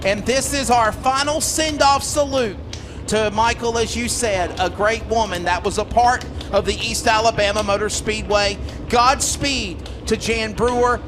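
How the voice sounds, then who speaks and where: A man's voice: sits high, steady tone, unhurried, music in the background. A man announcing a live race broadcast, giving a solemn, formal tribute.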